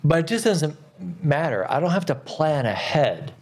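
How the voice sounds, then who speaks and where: A man's voice: a little high, sing-song, moderate pace, darkish tone. A man chatting casually, blunt and agreeable, swearing now and then. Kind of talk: casual chat.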